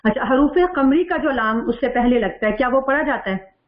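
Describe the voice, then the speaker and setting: A woman's voice: on the high side, muffled recording. Patient woman teaching an echoey online class. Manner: patient, asks questions and reads out students' answers. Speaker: Quran recitation teacher. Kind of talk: online class reviewing the last lesson.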